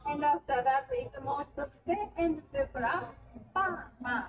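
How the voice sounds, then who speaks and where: A woman's voice: high voice, takes it slowly, soft background music. A woman guiding a boat tour, chatting with passengers in Japanese and in English with a Japanese accent and leading them in clapping. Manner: chatty, switches languages, leads crowd clapping. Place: tour boat on a canal, outdoors. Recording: distant, echoey, dull, crowd behind. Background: crowd noise.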